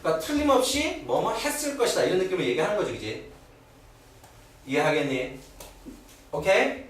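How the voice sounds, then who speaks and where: A middle-aged man lectures a class on grammar, his voice rising and falling a lot. He keeps tossing quick check-in questions at his students. He is recorded from across a very echoey classroom with a faint hum in the background. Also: high voice, expressive, recorded from a distance. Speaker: English teacher. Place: classroom at a cram school. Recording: echoey room, voice from afar, old video.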